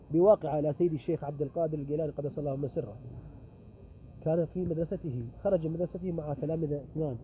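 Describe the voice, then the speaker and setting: A middle-aged man delivers a sermon at a religious gathering in a high voice, hurrying and emphatic as he throws rhetorical questions at his listeners. The recording is muffled, with faint noise behind him. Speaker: visiting preacher. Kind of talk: sermon with closing prayer.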